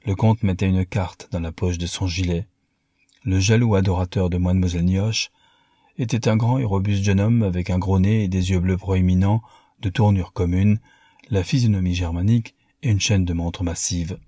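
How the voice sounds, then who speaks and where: A man narrates a classic novel in a measured, literary way. His voice is very low and husky, with a dark, mellow tone. The recording is dry and close. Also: fairly even intonation, no echo.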